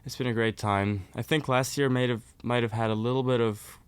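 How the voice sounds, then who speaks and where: A man's voice: medium pitch, fairly even intonation, a little fast, smooth, no room sound. A young man from Norway, a folk musician, chatting casually as an interview guest and laughing easily.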